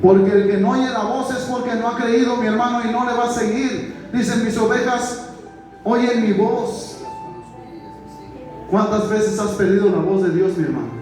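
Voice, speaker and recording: Pastor, male, high voice, preaching from a distance in a very reverberant church, soft music under. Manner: preaching, repeatedly addressing "mi hermano"; slows down for emphasis on scripture quotes. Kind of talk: sermon. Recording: very echoey church hall, distant mic.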